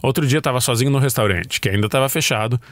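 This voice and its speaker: A Brazilian man hosts a podcast of casual chat and story reading, talking at a racing pace on a dry recording. He reads listener stories aloud with playful, jokey asides and big pitch swings.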